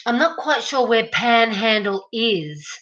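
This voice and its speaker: A middle-aged Australian woman hosts a live stream, chatting casually and greeting viewers by name. Her voice sits fairly high and sounds sharp and bright. The stream audio is muffled and lo-fi. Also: lively intonation, takes it slowly.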